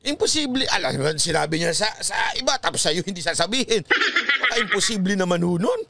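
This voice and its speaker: A man's voice: high voice, animated, a little fast, creaky, noisy background. A Filipino man, a pastor, giving emphatic, preachy talk-show commentary with a Filipino accent and tagging his lines with "ha?". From Philippines. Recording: loud music playing behind the voice.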